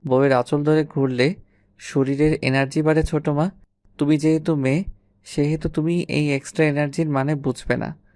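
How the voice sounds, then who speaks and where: A man voicing a smug, playful young husband in an audio story, teasing in an unhurried mocking tone. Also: fairly high pitch, flat delivery, darkish tone, no room sound, clean studio sound, lightly acted.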